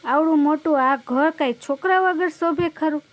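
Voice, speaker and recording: A woman's voice: sits high, moderate pace, lightly acted. Woman doing a firm older mother-in-law.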